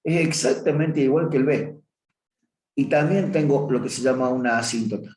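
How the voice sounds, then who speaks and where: A man's voice: mid-range voice, moderate pace, darkish tone. A man teaches a math review class in a plain middle register. He talks his way through a graph and keeps stopping to correct himself. His voice rings in a roomy, echoey space. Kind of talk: review class lecture on limits. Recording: roomy echo.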